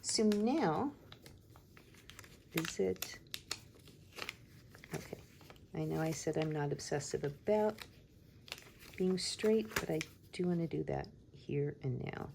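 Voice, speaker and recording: Slow-talking woman musing aloud. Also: low voice, lively intonation, vocal fry, background noise. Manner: unhurried, musing, talks to herself while working. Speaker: host of a planner decorating video. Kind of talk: casual plan-with-me chat, thinking aloud.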